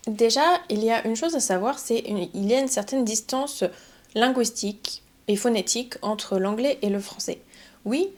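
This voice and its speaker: Calm, methodical French teacher woman. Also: medium pitch. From France. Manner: calm, methodical explaining, building points step by step. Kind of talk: explanatory podcast talk.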